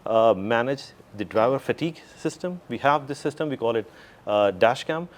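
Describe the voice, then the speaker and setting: A man's voice: mid-range voice, animated, normal speed. A middle-aged man with a Pakistani accent, giving conversational answers as a company executive in an interview. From Pakistan and the Middle East, mainly Saudi Arabia. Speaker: interview guest, company CEO.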